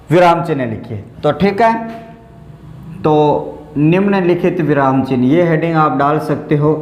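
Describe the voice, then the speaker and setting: Preparing students for an exam, a man with a high-pitched voice walks through a grammar lesson one step at a time. He repeats the example phrases and poses questions that he then answers himself, all with a roomy echo around him.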